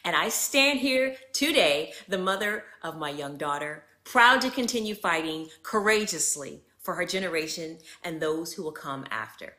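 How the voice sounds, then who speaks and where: A young woman giving an impassioned formal speech indoors, swinging between emphasis and quiet. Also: lowish voice, expressive, normal speed, few pauses, reverberant. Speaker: convention speaker. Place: indoor room with plant.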